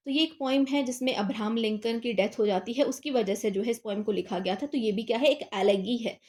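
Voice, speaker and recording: A young woman teaches literature in a relaxed, chatty lecture, her voice sitting a little high. She keeps posing questions to her students and answering them herself. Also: fairly quick. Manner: conversational, asks and answers own questions. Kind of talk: casual Hindi exam-prep lecture.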